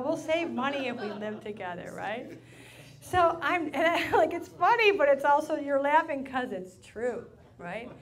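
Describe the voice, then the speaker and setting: High-voiced woman giving a lively seminar. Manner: lively, playful, asks the room questions. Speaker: relationship speaker. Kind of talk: live seminar talk to an audience. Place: room with a live audience.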